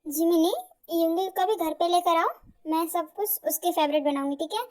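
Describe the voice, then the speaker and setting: A woman voicing a gentle, long-suffering young wife who speaks softly and soothingly, in an amateur fan audio drama. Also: very high voice, steady tone, moderate pace. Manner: soothing, soft, placating.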